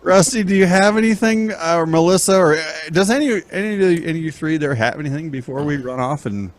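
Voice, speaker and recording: A man's voice: a little high, fast talker. A man hosting a talk show with crude, joking, casual banter. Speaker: show host.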